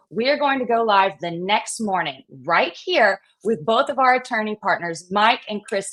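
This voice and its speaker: A woman's voice: medium pitch, a bit bright. A woman hosting a live stream, upbeat and welcoming as she greets viewers and guests. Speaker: host.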